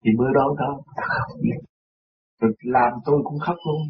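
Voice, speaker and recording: A man's voice: medium pitch, steady tone, moderate pace, husky. A man with a Southern Vietnamese accent recounting his past in casual talk, rambling and repeating words, acting out the voices of people he quotes. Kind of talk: casual spoken recollection. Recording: distant, muffled mic with faint room noise.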